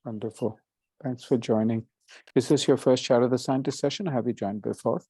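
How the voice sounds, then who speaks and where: A man's voice: medium pitch, steady tone, fairly quick, mellow, slightly rough, no room sound. A man hosting a casual science conference call, speaking politely and asking participants questions. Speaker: session host and astronomer.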